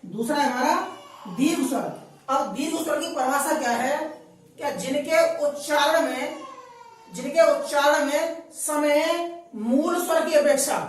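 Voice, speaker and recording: A woman teaching a grammar lesson, repeating each point and quizzing her listeners with questions. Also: high voice. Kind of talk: classroom lesson. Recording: very echoey room, voice from a distance.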